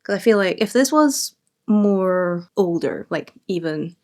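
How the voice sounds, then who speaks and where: A woman's voice: on the low side, animated, measured pace, darkish tone. A young adult woman chatting casually and enthusiastically about books she has read. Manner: chatty and enthusiastic, lots of fillers. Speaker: book vlogger. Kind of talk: casual book review chat.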